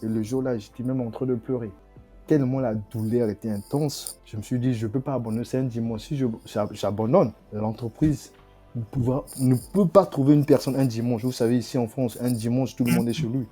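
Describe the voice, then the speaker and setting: A young man from the Republic of the Congo, a student guest telling his story in a podcast interview, halting and often repeating himself. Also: mid-range voice, steady tone, warm tone, husky, faint music behind.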